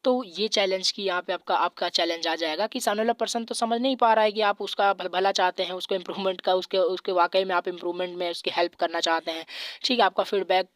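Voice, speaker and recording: A woman giving an exam-focused lecture, repeating points and slowly reading out English terms. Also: medium pitch, fairly even intonation, dry recording, clean studio sound. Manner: frequent fillers and restarts, drops to a quieter voice at phrase ends.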